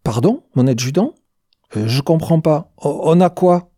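A reader voicing a cool-headed male soldier who leads his squad with calm, insolent composure, in an audiobook. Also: mid-range voice, unhurried, no echo, clean studio sound. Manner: unflappable, calmly insolent. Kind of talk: audiobook character voice.

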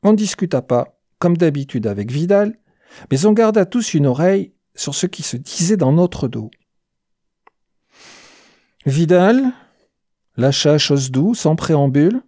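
Slow, mellow storyteller reading a war tale. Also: medium pitch, big pitch swings, no echo, studio quality. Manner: slow and deliberate, slangy. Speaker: audiobook narrator. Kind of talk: first-person war story narration.

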